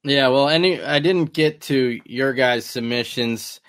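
A man with an average pitch gives viewers plain, matter-of-fact notes about sending in videos. His delivery is even and casual. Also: unhurried. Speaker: show producer. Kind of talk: casual announcement.

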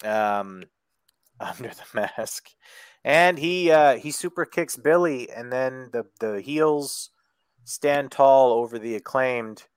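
A man's voice: medium pitch, slow, smooth, no echo. A man co-hosting a podcast over an online call, recapping wrestling with sarcasm, swearing and lots of ums. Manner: sarcastic and profane, frequent ums and restarts. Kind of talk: casual chat.

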